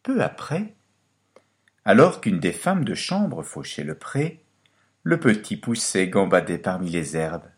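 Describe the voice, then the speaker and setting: A man reads a fairy tale aloud with a low, deep voice. His delivery is dramatic and sweeping, rising and falling widely as he tells the story. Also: slow pace. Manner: expressive storytelling, lively and dramatic. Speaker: narrator. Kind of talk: scripted fairy-tale narration.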